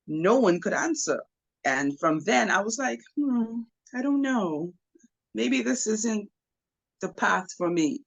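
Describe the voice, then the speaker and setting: A young woman from the Bahamas, a spiritualist guest, telling her story in a casual interview with fillers and lively asides. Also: low-pitched.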